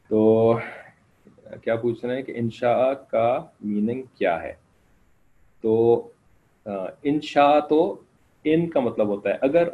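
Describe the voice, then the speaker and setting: A man teaching a class, explaining step by step, often checking whether students follow and putting questions to them. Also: on the low side. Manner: explains patiently, keeps checking "okay?". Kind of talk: classroom lecture. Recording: dull lo-fi recording.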